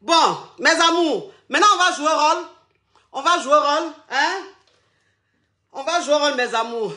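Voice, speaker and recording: A man hosts a playful online show, breathless and full of teasing laughter. His voice sits very high and sounds bright and forceful. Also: animated, unhurried. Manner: flamboyant, teasing, laughs often, calls viewers "my loves". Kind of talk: playful live chat with viewers.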